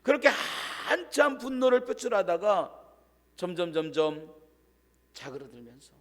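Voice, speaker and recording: A male pastor preaching a sermon, telling a story dramatically and dropping to a hushed voice for quoted lines. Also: high-pitched, unhurried. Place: church sanctuary. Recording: long church-hall reverb.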